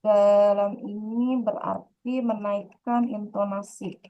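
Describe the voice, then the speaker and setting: A woman's voice: medium pitch, little pitch movement, slow, warm tone. A woman teaching a grammar lesson, explaining patiently and repeating her points. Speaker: Korean language teacher. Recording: dull lo-fi sound.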